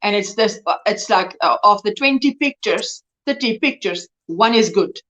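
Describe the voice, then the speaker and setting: A woman's voice: medium pitch, lively intonation, moderate pace, fairly bright tone. A woman in her early fifties hosting a live crochet chat. She talks casually, reads and answers viewers' comments, and laughs often. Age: 50s.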